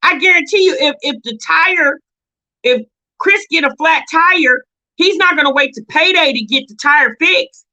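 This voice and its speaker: Recorded in low quality, a high-pitched American woman talks at a moderate pace in a pushed, bright voice. As a reaction video host she gives casual, opinionated commentary, blunt and sassy, often exasperated and firing off rhetorical questions.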